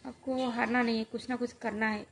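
A woman vlogger telling a personal story in a halting, hesitant way, full of pauses and fillers. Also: fairly high pitch, flat delivery, slight background noise.

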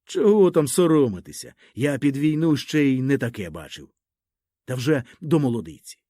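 A man reading a literary story aloud with lively, expressive storytelling in a boy's first-person voice. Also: mid-range voice, moderate pace, dry recording. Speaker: audiobook narrator.

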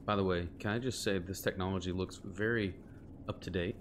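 A man's voice: low-pitched, steady tone, brisk, a little hiss or hum. A man commentating while playing a game, with casual, joking asides. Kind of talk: let's play commentary.

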